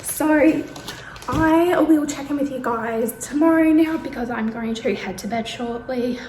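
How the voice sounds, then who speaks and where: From her bedroom, an Australian vlogger chats to camera in an unhurried way, using frequent ums and sounding a little breathless from pain. Her voice sits high and is a little mellow. The room echoes, and there's a little hiss or hum.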